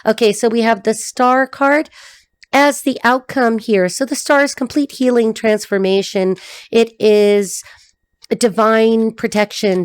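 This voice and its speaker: A woman's voice: fairly high pitch, no room sound. A middle-aged woman giving a casual, rambling tarot reading to camera, laughing often as she talks. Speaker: tarot reader.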